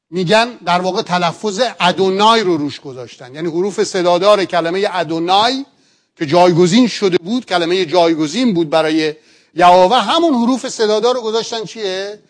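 A man with a fairly high voice teaches a sermon in an earnest, patient way. He explains each point step by step and keeps asking his listeners rhetorical questions. He sounds middle-aged. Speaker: pastor.

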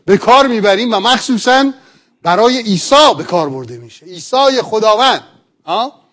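Middle-aged male pastor, high voice, earnest sermon teaching with rhetorical questions. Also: lively intonation, a bit bright.

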